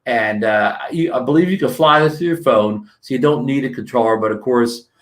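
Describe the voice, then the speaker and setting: A man's voice: mid-range voice, a little fast. A man from New Jersey hosting a casual livestream, rambling with many fillers and restarts and greeting viewers, his throat dry. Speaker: livestream host.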